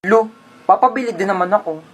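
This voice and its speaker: A woman's voice: mid-range voice, brisk, lightly acted. A woman voicing a little girl who pleads and whines at her mother for toys in a comedy skit. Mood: whiny pleading. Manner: pleading, whiny. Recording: background music playing.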